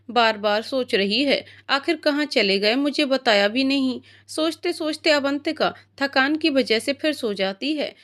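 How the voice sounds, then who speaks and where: High-voiced woman storyteller. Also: fairly bright tone. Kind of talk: scripted story narration.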